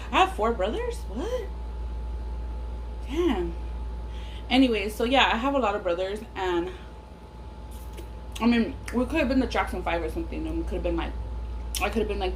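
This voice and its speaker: Eating chicken wings on camera, this Los Angeles-area woman, a mukbang vlogger, tells a rambling story in a blunt, casual way, swearing along. Her pitch is medium. The recording is low quality, and an air conditioner hums clearly behind her.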